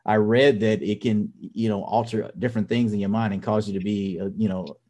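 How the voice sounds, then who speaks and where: A man with a fairly low voice, co-hosting a casual podcast chat. He talks in a halting way, restarting sentences and searching for words as he goes. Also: fairly even intonation, darkish tone. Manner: halting, many restarts and fillers. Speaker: podcast co-host.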